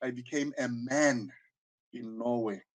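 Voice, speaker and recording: A sixty-year-old karate teacher from Zambia, born in South Africa, speaks with a southern African accent in a mid-range voice. Reflecting as an interview guest, he's halting and searching, often repeating himself and saying "you know".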